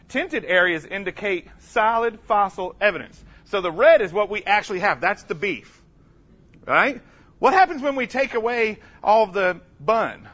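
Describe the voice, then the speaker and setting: A man giving an energetic, humorous conference lecture, emphatic and calling out to the audience for responses. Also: sits high, dull audio. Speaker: conference speaker.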